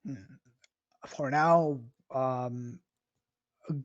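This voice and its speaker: A man's voice: medium pitch, drawn-out words, no room sound, lo-fi sound. A man playing a tabletop game who gives orders hesitantly and laughs at his own jokes. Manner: hesitant, giggly. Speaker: player.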